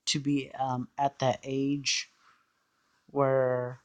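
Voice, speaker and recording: Man, slow delivery, hesitant, halting phrasing, mid-range pitch, casual explanatory monologue. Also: completely flat delivery, a little mellow.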